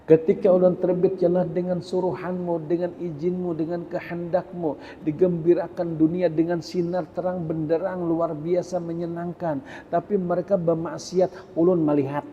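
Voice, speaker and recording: A man's voice: a little high, little pitch movement, moderate pace, voice pushed up, natural voice. A man voicing the sun as a weary spirit pleading respectfully with God, in an echoey hall. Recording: echoey hall, muffled, faint noise.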